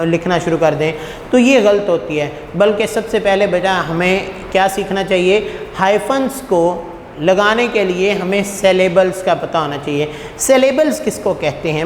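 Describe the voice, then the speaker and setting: Male teacher in echoey room. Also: high voice. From Pakistan. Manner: patient, poses rhetorical questions, calls students "beta". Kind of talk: classroom lecture. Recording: echoey room with long reverb, faint noise.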